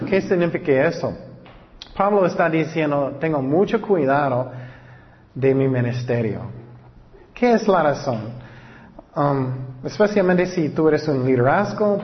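Preacher, man, slightly high voice, earnest exhortation, long reverb, dull lo-fi recording. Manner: reads verses slowly, then exhorts earnestly. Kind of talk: sermon with scripture reading.

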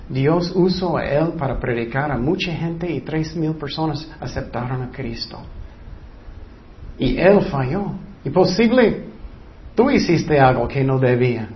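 High-pitched guy preaching a sermon, slow and deliberate, keeps asking questions, muffled lo-fi sound. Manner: asks the listeners questions, repeats phrases for emphasis.

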